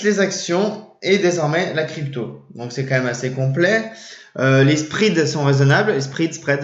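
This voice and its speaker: A man casually explaining to his viewers, hesitant and full of fillers and restarts. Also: on the high side. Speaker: trading channel host. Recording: roomy, dull lo-fi sound.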